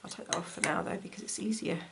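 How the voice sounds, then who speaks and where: A textile crafts teacher with a croaky, slightly gravelly voice from a cold talks fast and chattily as she stitches at home in a casual craft tutorial. A dishwasher runs in the background, leaving a faint appliance hum.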